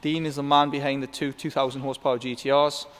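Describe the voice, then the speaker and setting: A man's voice: medium pitch, flat delivery, quick pace, fairly bright tone. A man hosting a casual walk-around vlog inside a car workshop, chatting with the mechanics. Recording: echoey workshop hall with faint background noise.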